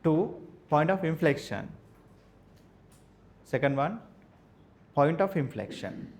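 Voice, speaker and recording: A male maths teacher, dictating lecture notes slowly and repeating each phrase so students can write it down. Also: a little high, very animated. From Sri Lanka. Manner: repeats phrases slowly for note-taking, spells words out.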